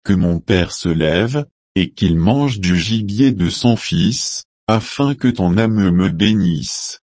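A man's voice: deep voice, lively intonation, a little mellow, no echo, heavily acted. A man reading as Esau, the hunter son. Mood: earnest. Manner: slow, solemn reading. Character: elder son, a hunter, back from the hunt.

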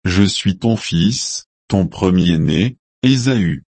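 A man voicing an elder son just back from hunting, in a slow, solemn reading. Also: low voice, lively intonation, darkish tone, no room sound, heavily acted. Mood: earnest.

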